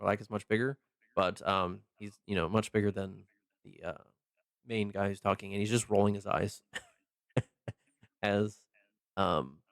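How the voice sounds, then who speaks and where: A man narrating a tabletop game as game master, improvising haltingly with many mid-sentence pauses. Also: fairly low pitch, steady tone, gravelly, no room sound, clean studio sound.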